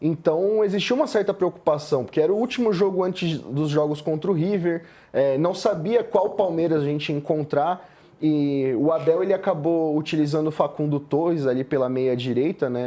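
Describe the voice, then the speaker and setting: A Brazilian man giving measured football analysis on a studio panel, often tagging "né". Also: on the high side, warm tone. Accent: Brazilian Portuguese. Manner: measured, uses filler "né". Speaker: sports commentator. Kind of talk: studio sports debate.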